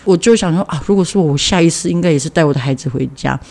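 A man's voice: fairly high pitch, very fast, a little mellow. A man, casually telling a story from his community and acting out the dialogue, with many fillers. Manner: leans on fillers, acts out quoted dialogue. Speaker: community member sharing a story.

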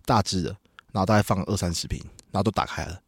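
A man's voice: low-pitched, fast, breathy edge, no room sound, studio quality. A young man with a Taiwanese Mandarin accent hosts a podcast, telling a story in casual chat, laughing often and acting out the people in it. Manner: animated, laughing storyteller who acts out quotes. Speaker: podcast host. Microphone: studio microphone.

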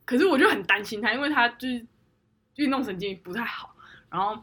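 A woman's voice: on the high side, expressive, brisk, fairly bright tone, husky. A woman co-hosting a podcast, telling a story with lots of laughter and English words mixed in. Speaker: podcast co-host. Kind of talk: casual chat.

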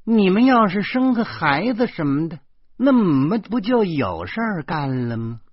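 A man voicing a bossy, sarcastic older aunt who nags in a drawn-out mocking tone, on a slightly muffled recording. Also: on the high side, sing-song, breathy edge, no echo, voice pushed up, exaggerated voice. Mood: mocking, preachy.

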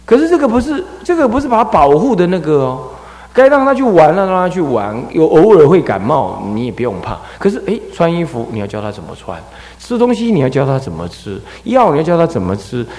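Male abbot for a dharma talk, lively swinging pitch, repeats words as he goes, long hall reverb. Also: fast talker, hardly any pauses. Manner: animated storytelling, repeats words while finding them. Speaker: Buddhist abbot and dharma teacher.

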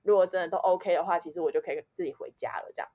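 A woman with a Taiwanese Mandarin accent telling a personal story in casual chat, animated, swinging between loud outbursts and low muttering. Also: racing. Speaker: podcast co-host.

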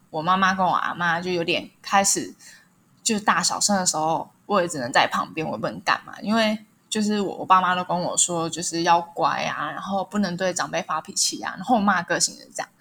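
A woman's voice: on the low side, fairly bright tone, a little hiss or hum. A young woman with a Taiwanese Mandarin accent, frankly telling personal stories as a podcast guest. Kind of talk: casual personal storytelling.

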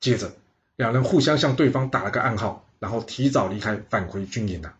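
A man's voice: fairly low pitch, brisk, lo-fi sound. A man telling a historical story in a chatty way, with asides to the listener.

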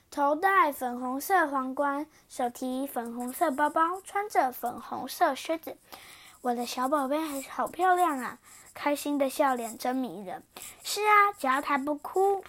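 A woman reading a children's picture book aloud in an expressive, animated way. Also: sits high, unhurried. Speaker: storyteller.

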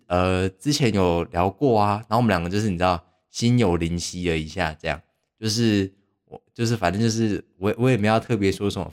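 A young man, hosting a podcast and telling a story casually, rambling and poking fun at himself with lots of fillers. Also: sits low. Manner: rambling, self-mocking, heavy use of fillers. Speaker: podcast host.

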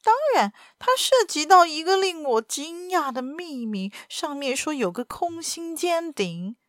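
A woman voicing a flustered, high-strung noblewoman and mother in a read-aloud story. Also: expressive, unhurried, dry recording, studio quality. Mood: startled. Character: frightened noblewoman mother, adult.

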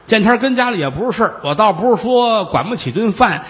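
A man voicing a shrill, fawning middle-aged widow in a traditional storytelling act. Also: animated, fast, fairly bright tone, big-room sound. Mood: chattering. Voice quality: high, whiny, fawning. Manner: wailing protests, chattering excuses.

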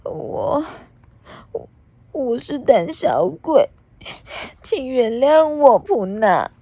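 A woman voicing a big, timid, gentle male dinosaur in a storybook reading, stammering and shaky but earnest. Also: high-pitched, expressive, slow, no echo, pitched above the performer's own voice. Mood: trembling.

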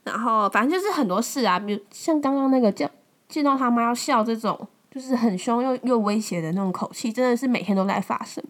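A chatty young woman hosting a podcast tells a story in a casual monologue, speaking fast at a fairly high pitch. Her conversational delivery is full of fillers and restarts, and her voice rises when she retells angry lines.

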